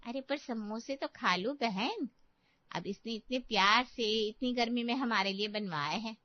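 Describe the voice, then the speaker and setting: A woman's voice: on the high side, no room sound, natural voice. A woman playing a chatty middle-aged female friend from the old neighbourhood in a cartoon story. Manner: chatty, reminiscing. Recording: dull, dry lo-fi.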